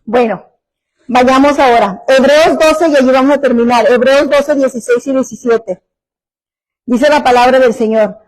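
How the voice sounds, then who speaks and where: A woman's voice: sits high, normal speed, darkish tone, rough recording. A woman pastor preaching a sermon, emphatic, full of rhetorical questions to the congregation.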